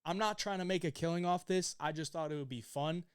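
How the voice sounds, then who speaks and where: Man, betting picks host, casual and opinionated, clear resonant tone, dry room. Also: fairly high pitch, a little fast, no echo. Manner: loose, opinionated, swears casually, many fillers. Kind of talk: casual fight predictions.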